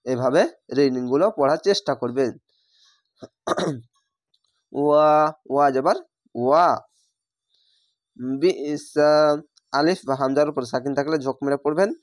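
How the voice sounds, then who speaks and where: A man with a Bangladeshi Bengali accent teaching spelled-out Quran reading, drawing words out slowly between explanations. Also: mid-range voice, darkish tone, no echo, studio quality. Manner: slow drawn-out recitation of words between explanations.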